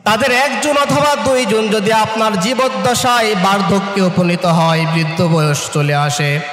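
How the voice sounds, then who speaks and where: A man's voice: sits high, unhurried, a bit bright. A middle-aged man preaching a fervent sermon with a Bangladeshi Bengali accent, asking his listeners rhetorical questions and chanting verses. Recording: echoey hall with faint music.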